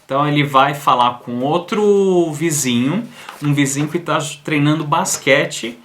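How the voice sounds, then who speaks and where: A man's voice: fairly high pitch, measured pace, a bit bright, a little hiss or hum. A man with a Brazilian accent, hosting a cartoon review and casually retelling an episode scene by scene, quoting the characters in his own plain voice. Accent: Brazilian Portuguese.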